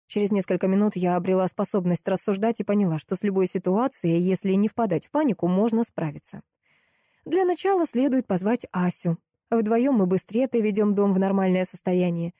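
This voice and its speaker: A woman's voice: mid-range voice, no echo, clean studio sound. Woman narrating an audiobook. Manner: lively first-person storytelling.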